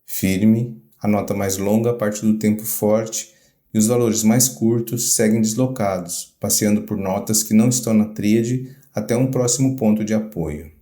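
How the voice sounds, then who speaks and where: A man narrating a scripted music theory lecture in a measured, deliberate academic way. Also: fairly low pitch, fairly even intonation, mellow. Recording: roomy echo. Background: guitar music.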